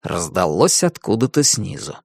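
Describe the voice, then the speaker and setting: A man narrating a children's storybook in an even, expressive reading. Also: sits low, moderate pace, vocal fry, no echo, clean studio sound. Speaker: audiobook narrator.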